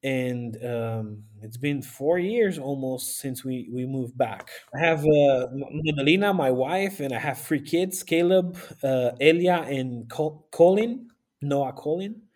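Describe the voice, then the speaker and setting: A man, speaking earnestly and haltingly as an interview guest, with sighs. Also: medium pitch, darkish tone. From Romania. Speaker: guest, aid volunteer and former pastor. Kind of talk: casual interview talk.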